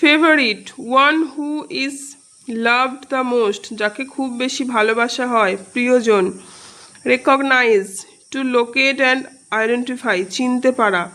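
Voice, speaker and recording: A woman teaches a class in a high, unhurried voice. She reads out words one at a time and follows each with its meaning, in a slow and steady classroom manner. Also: rough recording. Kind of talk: slow classroom-style lesson explanation.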